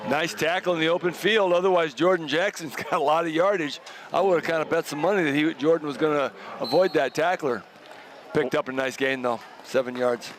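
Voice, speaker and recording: A man with a slightly raised voice gives easygoing color commentary on a local football game, with faint outdoor noise around him. He talks in a chatty, enthusiastic way and is quick to chuckle. His remarks keep a loose, conversational feel. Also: a little high.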